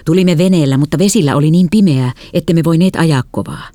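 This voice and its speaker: A tired, gentle middle-aged father, as a woman reads him in an audiobook. He talks quietly and earnestly in a mellow, dark tone. The recording is close and dry. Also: low-pitched, no room sound. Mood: tender.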